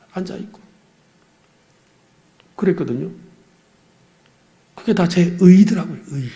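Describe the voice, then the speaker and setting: A man's voice: sits high, creaky, warm tone. A middle-aged man, a pastor, preaching an earnest, confessional sermon with personal stories.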